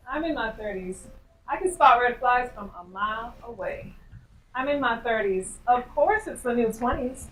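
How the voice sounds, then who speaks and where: A woman's voice: a little high, a bit bright, far from the mic. A woman in her thirties delivering sassy, punchy one-liners in a social media skit. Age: 30s. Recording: roomy sound from off the mic.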